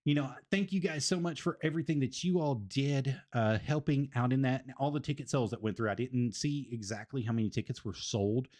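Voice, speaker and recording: A man's voice: mid-range voice, fairly quick, hardly any pauses, darkish tone. A man, hosting a casual wrestling review stream and rambling, repeating phrases for emphasis. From Tennessee, US. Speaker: stream host.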